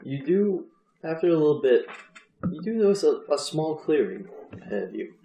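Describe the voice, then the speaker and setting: A man's voice: fairly high pitch, sing-song, moderate pace, dull audio, slight background noise. A man narrating as game master in a tabletop game, describing scenes unhurriedly with small hesitations. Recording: roomy echo.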